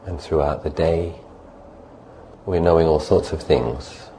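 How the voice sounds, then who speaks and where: In a very low, soft-edged voice, a man guides listeners through meditation as their teacher. He speaks calmly and slowly in short phrases with long pauses, against a faint ambient backdrop.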